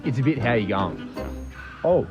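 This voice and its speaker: A woman's voice: rumbling low, animated, normal speed, dull audio, music in the background, voice pushed down. A woman voicing a confused young American man in a comedy skit, answering in hesitant, bewildered bits. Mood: puzzled.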